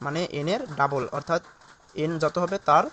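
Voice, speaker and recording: A man's voice: a little high, moderate pace, pushed and bright, a little hiss or hum. A man teaching a recorded chemistry lesson, walking through each step and asking and answering his own questions.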